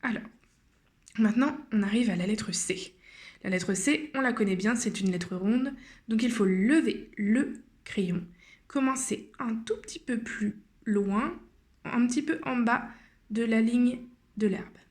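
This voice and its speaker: A woman's voice: on the high side, a little mellow. Patient woman teaching handwriting. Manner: slow, patient, with frequent hesitations. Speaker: primary school teacher. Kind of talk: step-by-step handwriting lesson.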